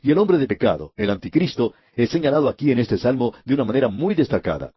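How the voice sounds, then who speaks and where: A man's voice: medium pitch, very animated, quick pace, husky, no echo. A man giving a radio Bible lesson in an earnest, emphatic way, speaking directly to the listener. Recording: dull lo-fi radio recording.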